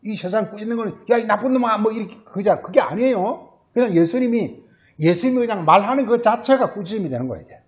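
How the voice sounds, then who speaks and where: High-voiced man preaching a sermon. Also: lively intonation, quick pace. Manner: asks questions and answers them himself, with many filler words; ends phrases with a repeated tag word. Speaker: pastor. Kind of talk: Sunday sermon.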